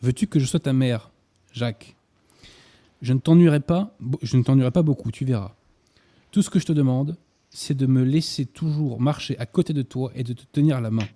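A gentle older brother speaks with quiet tenderness, read aloud by a man. The tone is deep, dark and mellow, soft as though the voice trembles a little. It is a plain reading from a novel, with little acting. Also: normal speed, lightly acted. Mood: tender.

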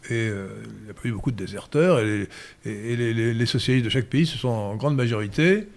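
A man's voice: medium pitch, lively intonation, fast. Hesitant lecturing man. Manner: lecturing, many hesitations, emphatic. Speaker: guest commentator. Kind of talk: political discussion.

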